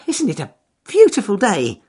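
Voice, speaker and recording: A man voicing Ernest Fluffy Rabbit, a trusting, kindly young rabbit in a storybook, with an eager, gentle manner. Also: sits high, wildly swooping pitch, moderate pace, slightly rough, pitched above the performer's own voice, full character voice. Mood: friendly.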